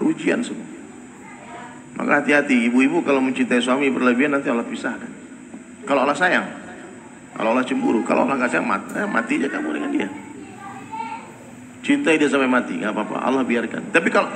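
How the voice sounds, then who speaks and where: A man preaching a sermon to a congregation, animated and questioning his listeners directly. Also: a little high. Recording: echoey hall with noise.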